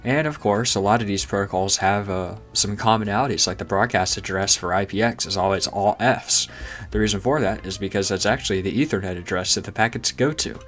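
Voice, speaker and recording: A man's voice: on the low side, brisk, a bit bright. A man hosting a tech channel through a voice changer that makes him sound synthesized and robotic, walking through a screen casually and asking rhetorical questions. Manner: chatty, rhetorical questions, amused at obscure jargon. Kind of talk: casual technical screen walkthrough.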